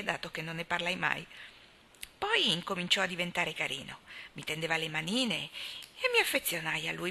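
A woman's voice: mid-range voice, pushed and bright, heavily acted. A woman reading the part of a talkative, gossipy older spinster in an audiobook, in an emphatic, chatty manner. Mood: wistful. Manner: chatty, emphatic, sighing storyteller.

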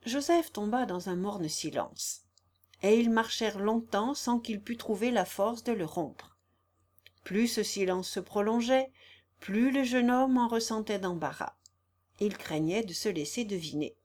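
A woman reading a novel aloud as an audiobook narrator, in a measured storytelling manner. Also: medium pitch, darkish tone.

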